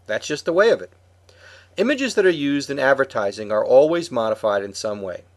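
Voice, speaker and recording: Lively scripted male podcast co-host. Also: mid-range voice, brisk. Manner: explanatory, reads a prepared script.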